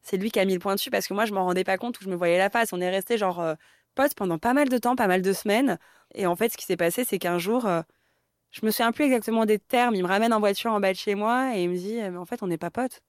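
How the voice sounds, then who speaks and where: A woman in her thirties from Paris, France, talks quickly at a medium pitch as a guest in an interview, frank and conversational with lots of filler words. The studio-quality audio is dry.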